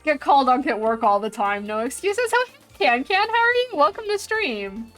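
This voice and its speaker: A woman in her twenties chats casually with her stream viewers as she draws, reading their messages aloud and laughing often. Her voice is high, bright, and sing-song at a normal speed, with faint music in the background.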